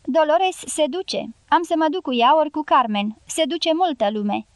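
A woman's voice: high-pitched, expressive, no room sound, clean studio sound, pitched above the performer's own voice. A woman voicing a cheerful, teasing young woman in an audiobook.

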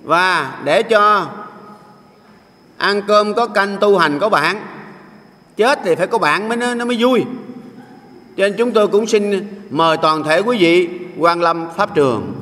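A man's voice: sits high, a little slow, pauses often, sharp tone. A man, a Buddhist monk, giving a jocular sermon and often asking the audience to agree. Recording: reverberant hall sound.

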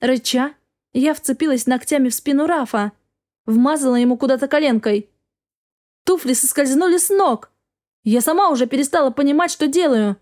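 A woman's voice: sits high, normal speed, darkish tone. A woman narrating a first-person story as an audiobook reader, with an intense, dramatic delivery.

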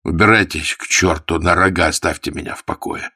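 A man voicing a wounded, dying captain who speaks quietly and scornfully in a weak, breathy voice. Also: deep voice, brisk. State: weak and fading.

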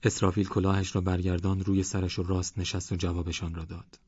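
A man narrating a novel as an audiobook in a steady storytelling manner. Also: low-pitched, slightly rough, dry recording, dull audio.

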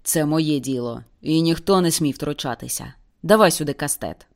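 A woman voicing a furious young male sailor in a brawl, hoarse, rough and threatening. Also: deep voice, normal speed. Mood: menacing. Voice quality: hoarse shouting.

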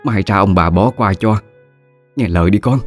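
A man voices a poor peasant mother in her fifties, wailing and pleading. The voice stays low and dry, with faint music underneath. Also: moderate pace, close to an everyday voice.

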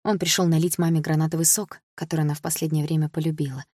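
A woman reads a first-person audiobook in a low, husky voice. Her delivery is even and subdued, and the recording is dry and close, with no room sound at all. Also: very fast, dry recording. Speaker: audiobook reader.

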